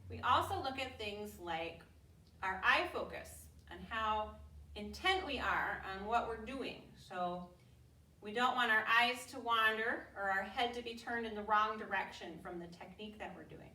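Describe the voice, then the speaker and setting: A woman martial arts instructor explaining technique to students in clearly phrased, measured instruction. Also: medium pitch, expressive, bright, forceful tone. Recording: echoey room, distant mic, faint noise.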